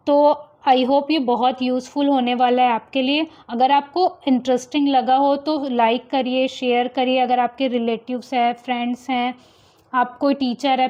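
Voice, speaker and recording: A young woman teaching English pronunciation, repeating example words slowly to contrast wrong and right ways of saying them. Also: sits high, darkish tone. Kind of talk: phonics lesson explaining pronunciation rules. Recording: slightly dull lo-fi sound.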